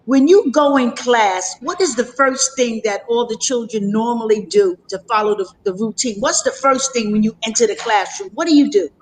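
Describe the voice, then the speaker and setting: A woman's voice: fairly high pitch, moderate pace, hardly any pauses, rough recording. Encouraging woman teacher with faint background hum. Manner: patient, encouraging, praises often. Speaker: teacher co-host. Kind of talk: gentle classroom questioning.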